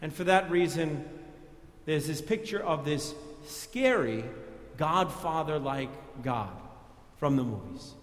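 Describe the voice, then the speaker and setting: A man's voice: on the high side, lively intonation, takes it slowly. A man with a New York accent preaching a sermon in a church, in a conversational, folksy way. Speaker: pastor. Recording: echoey church reverb.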